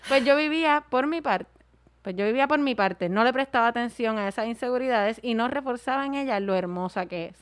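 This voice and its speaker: A woman co-hosts a relaxed podcast. She reads listener letters aloud and slips into animated impressions of the people she describes. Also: fairly high pitch, brisk. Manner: animated, acts out quoted voices. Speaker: podcast co-host. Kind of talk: casual podcast chat, reading listener messages.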